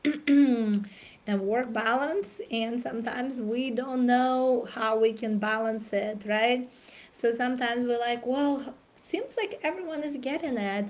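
A woman, hoarse from a cold, hosting a live coaching challenge and often clearing her throat. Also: fairly high pitch. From Russia. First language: Russian. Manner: frequent throat clearing and fillers. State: raspy voice from a cold. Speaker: challenge host. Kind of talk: live-stream coaching talk.

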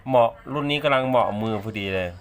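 A man giving a casual hands-on unboxing demonstration, speaking haltingly and repeating words as he handles items. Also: medium pitch. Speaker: unboxing presenter.

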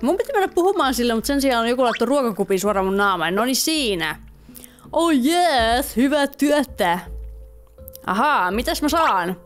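A young woman from Finland chats her way through a game, reading its lines aloud and talking straight to her viewers. Her voice sits a little high, and soft music plays underneath. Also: animated. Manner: chatty, reads game dialogue aloud, talks to viewers. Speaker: gaming YouTuber. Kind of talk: casual let's-play commentary. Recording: faint music behind voice.

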